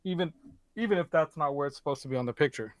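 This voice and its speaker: Laughing often and thinking aloud, a man chats and jokes while working on a guitar for his casual home-workshop show. His voice is a little high, animated, and quick. A close desk mic captures him with no room sound.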